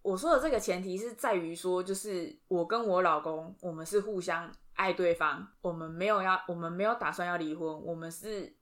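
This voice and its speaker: Woman, podcast co-host, low-ish voice, chatty and animated. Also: a little fast, few pauses. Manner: chatty, animated storytelling with frequent fillers. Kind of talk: casual chat.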